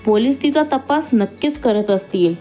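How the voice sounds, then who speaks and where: A woman voicing a gentle, anxious young wife who talks in a pleading way. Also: a little high, moderate pace, soft background music, close to an everyday voice.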